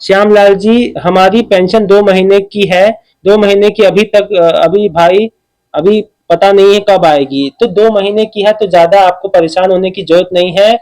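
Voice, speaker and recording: High-voiced guy chatting to his viewers, calming them down, keeps saying okay. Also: moderate pace, rough recording. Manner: reassuring, repeats "okay" often, addresses viewers by name. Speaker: channel host answering viewer comments. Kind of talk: casual talk reading out and replying to comments.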